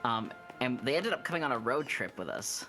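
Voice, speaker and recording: A man's voice: mid-range voice, sing-song, fairly quick, pushed and bright, soft background music. A man streaming a game and chatting casually, telling stories with lots of fillers and restarts. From Canada.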